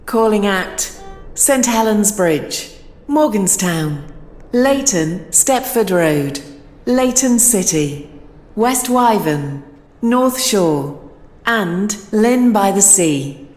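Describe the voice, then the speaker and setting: A woman making a train station announcement over a loudspeaker, with a measured, even cadence. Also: medium pitch, faint music behind. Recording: echoey, reverberant station hall.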